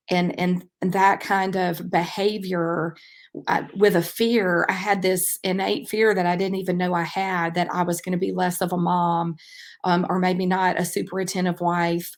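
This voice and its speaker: Woman, 30s, podcast host; low, flat-toned, reflective faith talk, loose and filled with ums. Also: measured pace. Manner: relaxed, reflective, many ums. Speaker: podcast host and track coach. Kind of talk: casual faith-based podcast monologue.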